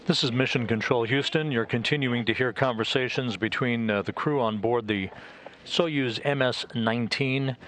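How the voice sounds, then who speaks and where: A man with an American accent giving measured, formal live commentary on a spaceflight as a mission control announcer. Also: mid-range voice, a bit bright, a little hiss or hum.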